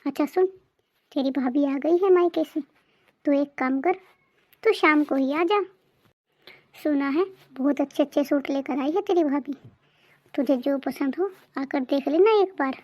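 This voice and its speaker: A woman voicing a very high-pitched scolding mother-in-law. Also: measured pace, long pauses, a little mellow, muffled recording. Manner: scolding, sarcastic. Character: nagging, greedy middle-aged mother-in-law. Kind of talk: cartoon family drama voice-over.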